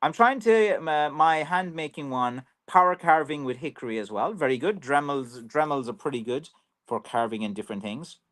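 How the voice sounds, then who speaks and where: Reading out viewer comments during a casual livestream, a professional stick maker from Ireland rambles along with lots of filler words. He speaks at a moderate pace in an animated, fairly high, slightly bright voice.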